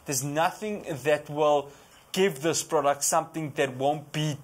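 A young man with a South African accent presenting on a TV shopping show, pitching a product in an upbeat sales manner. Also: a little slow. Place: TV studio set.

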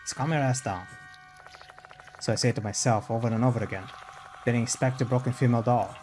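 A man's voice: mid-range voice, fast talker, a little mellow, soft background music. A man streaming a game, reading its text aloud and adding casual commentary.

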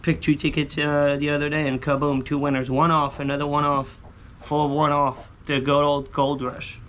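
A man's voice: on the high side, level tone, moderate pace, a bit bright, poor audio. A man in his thirties chatting casually to viewers outdoors, slangy and repetitive, muttering hopefully to himself. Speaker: vlogger scratching lottery tickets. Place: outdoors on a covered poolside patio. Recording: outdoor ambient noise.

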